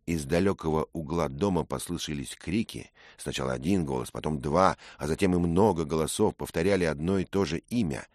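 A man narrating a story in a measured, dramatic way. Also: very deep voice, a little mellow, no room sound. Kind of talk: scripted narration.

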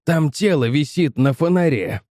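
A frantic middle-aged shopkeeper pleads and shouts for help, read by a man in an audiobook. The voice sits a little high and sounds dry and close. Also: expressive, moderate pace, no echo, close to an everyday voice.

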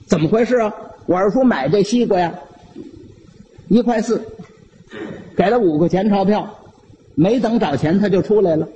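Male comic storyteller, Beijing accent, high, lively delivery, playful. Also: highs cut off, slight background noise. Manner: animated, playful narration.

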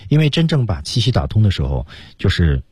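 A man teaching English pronunciation on a radio show, slowly drilling phrases and stressing the key words. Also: lowish voice, very animated, dark tone, slightly rough, dry recording, clean studio sound. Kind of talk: radio language lesson. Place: radio studio.

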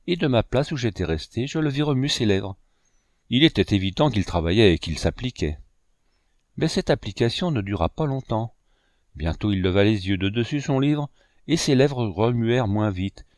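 A man narrating a classic novel as an audiobook, measured and expressive, on a close mic. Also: medium pitch, no echo. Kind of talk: scripted narration.

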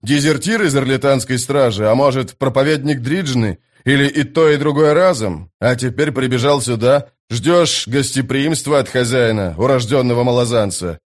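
A man voicing a gruff, suspicious guard sergeant who talks in an accusing way. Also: mid-range voice, normal speed, few pauses, close to an everyday voice.

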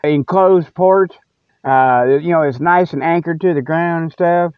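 At a measured pace, a man with a clear, resonant voice on the high side rambles through the mock newscast he hosts for laughs. He keeps it casual, folksy, colloquial and jokey. The narrow, phone-like recording is dry, with no room sound.

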